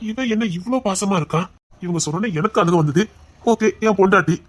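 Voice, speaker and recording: An actor playing an emotional young brother-in-law, speaking with a Tirunelveli accent in a tearful, stammering, affectionate way. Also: male voice, sits high, fast talker, faint music behind. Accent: Tirunelveli Tamil. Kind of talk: web series acting.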